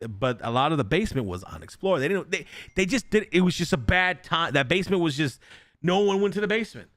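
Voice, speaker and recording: A young man on a podcast tells a haunted-house story in a loose, casual way. He swears freely and acts out every quote with real energy, his pitch swinging widely. The sound is close and dry. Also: sing-song, fast, fairly bright tone, no room sound. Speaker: podcast host.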